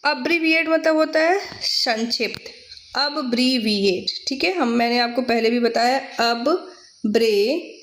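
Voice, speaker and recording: A woman's voice: a little high, measured pace, fairly bright tone, slight background noise. A woman with an Indian accent teaching English spellings for exams, spelling words out letter by letter and checking with "theek hai". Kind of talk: exam-prep vocabulary lesson.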